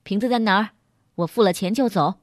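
A woman voicing a brusque, hurried middle-aged businessman in a storybook reading, with a lowered, loud, blunt delivery. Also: no room sound, clean studio sound, close to an everyday voice.

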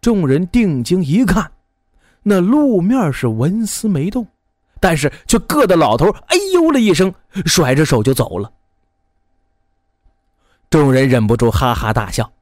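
A man telling a folk tale in a lively, expressive way, acting out many characters. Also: a little high, a little slow, long pauses, no room sound. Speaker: storyteller. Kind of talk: animated folk storytelling.

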